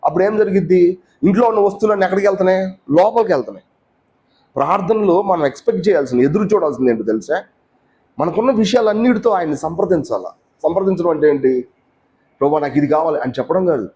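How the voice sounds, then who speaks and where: A man's voice: high-pitched, expressive, fast talker, dark tone. Man preaching in a conversational way. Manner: conversational, asks the listeners many questions; mixes in English words. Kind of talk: sermon teaching.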